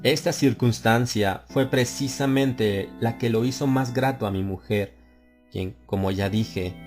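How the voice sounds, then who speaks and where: A man with a voice on the low side narrates a horror audiobook, brooding slowly as if confessing, then rising into anguished cries.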